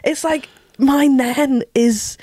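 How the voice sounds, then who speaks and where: A man as a podcast guest, chatting casually and telling gossipy, animated stories. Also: very high voice, slow pace, a crowd in the background. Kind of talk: casual chat.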